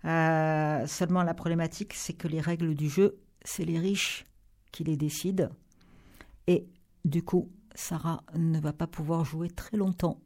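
A woman's voice: deep voice, steady tone, measured pace, dark tone. A woman speaking as a guest book critic on a radio show, talking through novels with frequent fillers and restarts. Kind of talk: radio book review chat.

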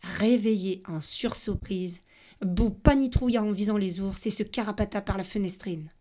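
A woman reading a children's storybook aloud with expressive, playful narration. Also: medium pitch, moderate pace.

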